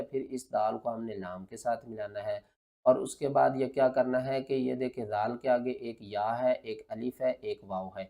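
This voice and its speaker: A man teaching tajweed. He spells out letters and vowel marks one by one, asks questions and answers them himself, and chants the verses slowly. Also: medium pitch, gravelly, mellow. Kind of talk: step-by-step recitation lesson.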